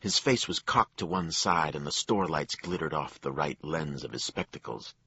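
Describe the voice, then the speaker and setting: Very deep-voiced male audiobook narrator. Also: animated, pushed and bright, breathy edge, no room sound, muffled recording. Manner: low, measured storytelling with acted dialogue. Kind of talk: scripted thriller narration.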